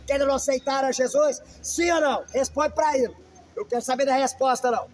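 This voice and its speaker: A man's voice: extremely high pitch, fast, a little hiss or hum, rough recording. A man, a pastor, preaching a sermon emphatically and calling out questions to his listeners.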